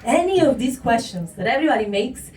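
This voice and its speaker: A stand-up comedian, joking playfully with the crowd on a handheld mic in a small venue, often laughing and mocking other voices. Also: female voice, fairly high pitch, expressive, fairly quick, a little mellow. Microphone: handheld microphone. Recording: echoey room, far from camera, noisy.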